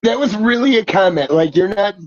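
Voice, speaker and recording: A man co-hosting a casual podcast, chiming in with halting remarks that often trail off. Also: high-pitched, lively intonation, no room sound, dull audio. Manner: halting, trails off, stumbles for words. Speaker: podcast co-host.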